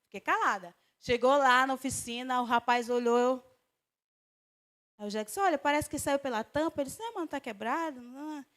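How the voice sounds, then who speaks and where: A woman from Brazil preaching a sermon, telling a personal story with emphatic swings in her voice. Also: fairly quick. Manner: emphatic, storytelling, voice swings high and loud on exclamations. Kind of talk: sermon with testimony.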